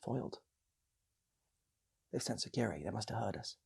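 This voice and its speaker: This British channel host and storyteller improvises a comic tale in a very husky, gravelly voice. His pitch wanders widely as he rambles and repeats lines for effect, now and then dropping to a whisper or putting on little character voices. His intonation is lively and his pace moderate.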